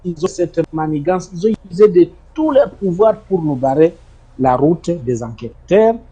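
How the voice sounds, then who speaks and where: A man's voice: fairly high pitch, expressive, normal speed, mellow, slightly rough. A middle-aged man from Congo, giving emphatic testimony in an interview and often repeating his words. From Congo (DRC). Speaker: interview guest, former detainee.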